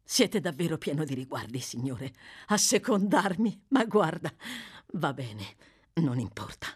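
A woman voicing a frightened young woman of the streets, speaking in an urgent, bitter hush. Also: low voice, big pitch swings, unhurried, breathy edge, full character voice. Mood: bitter pleading.

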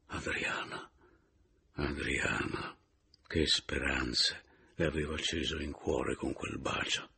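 A man reading a novel aloud in a measured, reflective way. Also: low-pitched, creaky, a bit bright, slightly rough. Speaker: narrator.

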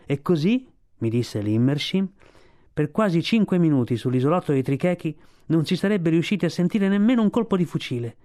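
A man reading a storybook aloud for radio, in a steady, expressive storytelling voice. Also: on the high side, fairly quick. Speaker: reader.

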